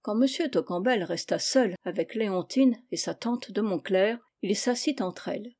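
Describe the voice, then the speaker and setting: Mellow-voiced woman narrating a classic novel. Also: mid-range voice, moderate pace. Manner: calm, even storytelling. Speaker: audiobook narrator. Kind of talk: scripted narration.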